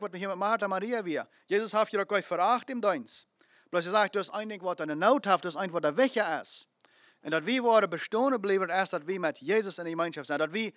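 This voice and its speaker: A man's voice: sits high, fairly bright tone, no echo, studio quality. A man preaching a sermon, emphatic, repeating phrases and asking rhetorical questions.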